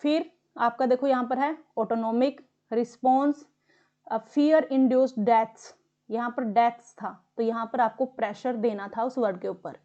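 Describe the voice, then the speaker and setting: A woman's voice: a little high, steady tone, moderate pace, darkish tone, muffled recording. A woman tutor explaining how to do well in a speaking test, in a coaching, instructional tone.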